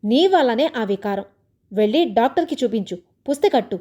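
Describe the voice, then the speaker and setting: A woman's voice: on the high side, animated, a little fast, dark tone, highs cut off. A woman reading as a grumbling sulky husband. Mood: scolding. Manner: complaining, sarcastic. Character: grumbling injured young husband, sulky and suspicious.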